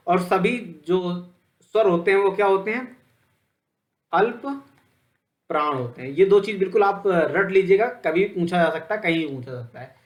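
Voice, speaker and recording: A male teacher giving a Hindi grammar lecture, asking questions and answering them himself. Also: high-pitched. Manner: plain, steady explaining with frequent fillers.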